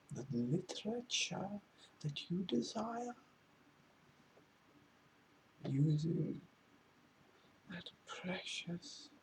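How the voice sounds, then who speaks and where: A man playing a pretentious, fussy librarian in a whispered role-play, half-whispered and breathy, with halting, wordy, condescending delivery. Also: on the high side, darkish tone, slight background noise, full character voice, poor audio. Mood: condescending, prim. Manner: pompous, halting, theatrically wordy. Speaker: ASMR role-play performer.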